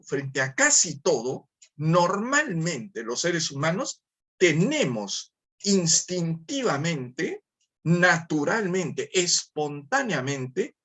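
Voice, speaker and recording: Husky Peruvian man giving a lecture. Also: fairly high pitch, fairly bright tone. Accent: Peruvian Spanish. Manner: didactic, repetitive, asks rhetorical questions. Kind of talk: formative lecture.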